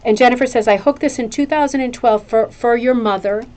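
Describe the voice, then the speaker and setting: A woman's voice: on the high side, brisk, a little mellow. A woman hosting a craft show in a casual, chatty way, gushing and rambling, often repeating phrases for emphasis. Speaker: craft show host presenting viewers' hooked rugs.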